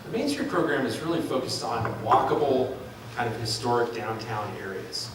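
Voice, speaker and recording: Speaking at normal speed in a mid-range, animated voice, a man gives an improvised market analysis at a public forum, thinking aloud and often saying um or starting over. The recording is noisy and echoey, made far from the mic in a large room.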